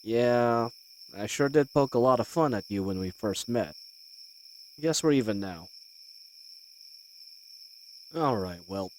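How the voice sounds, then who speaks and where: A man's voice: mid-range voice, lively intonation, slow pace, pauses often, slight background noise. A man playing a roguish, good-humoured bandit leader in a fantasy audio roleplay, talking in a folksy, teasing and hesitant way. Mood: amused, resigned.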